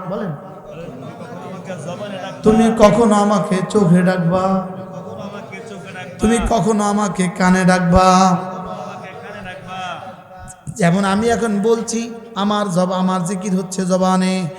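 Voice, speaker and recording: High-voiced male preacher, echoey hall. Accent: Bangladeshi Bengali. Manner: sings phrases in long drawn-out chant, then preaches in call-and-response. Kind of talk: chanted Bengali religious sermon. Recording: echoey hall with faint music.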